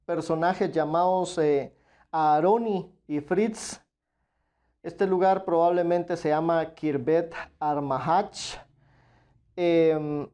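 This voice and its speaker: A man's voice: on the high side, dark tone. A man preaching a Bible study sermon, earnestly addressing his listeners as dear brothers and stressing his points with emphatic repetition. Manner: emphatic, repeats "claro de que sí".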